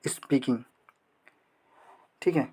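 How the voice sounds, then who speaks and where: A young man leads an exam prep lesson. He poses questions and answers them himself. He slows right down when reading English passages aloud. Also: mellow. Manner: asks and answers own questions, reads English slowly. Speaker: teacher.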